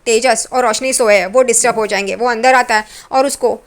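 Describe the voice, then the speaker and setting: A woman with a high voice retelling events in a relaxed, chatty way. She drops opinionated asides as she goes, casual and conversational. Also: brisk. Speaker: serial recap narrator. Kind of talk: casual storytelling recap.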